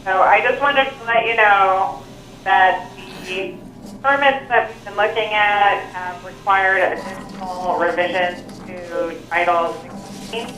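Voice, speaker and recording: A woman's voice: mid-range voice, steady tone, takes it slowly, fairly bright tone. A woman serving as city attorney, calling in on a crackly phone line that fades in and out and giving a brief, matter-of-fact update. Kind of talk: remote update at a council meeting. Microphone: phone call. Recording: echoey, noisy phone call.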